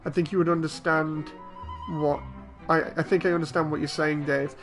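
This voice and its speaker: A man's voice: a little high, level tone, normal speed, fairly bright tone, faint music behind. A man streaming a game, chatting casually in a rambling, conversational way. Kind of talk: casual livestream chat over a game.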